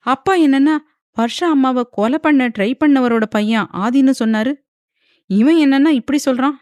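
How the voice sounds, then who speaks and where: A woman's voice: high-pitched, moderate pace, a little mellow, dry recording, voice pushed up, close to an everyday voice. A woman narrator voicing a distressed young wife who cries, pleads and argues back. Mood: frantic. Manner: pleading, crying, agitated. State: crying. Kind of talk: audiobook character voice.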